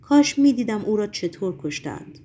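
A woman's voice: mid-range voice, sing-song, warm tone, a little hiss or hum, lightly acted. A woman reading the lines of a brooding, commanding Roman governor in an audiobook, with a weary questioning tone. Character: stern Roman governor, middle-aged man, brooding.

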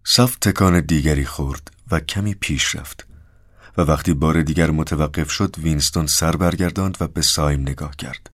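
A man reading a novel aloud as an audiobook narrator, in an even, measured way. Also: very deep voice, no room sound, studio quality.

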